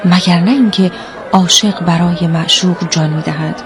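A woman's voice: on the low side, fairly even intonation, over music, a crowd in the background, close to an everyday voice. Woman reading an earnest, impassioned devoted man. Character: troubled, devoted male camel owner.

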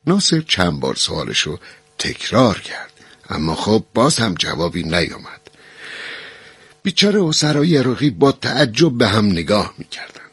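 Husky-voiced man telling a story. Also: fairly low pitch, no room sound. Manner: animated storytelling, switching voices for characters. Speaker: narrator. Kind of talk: storytelling narration.

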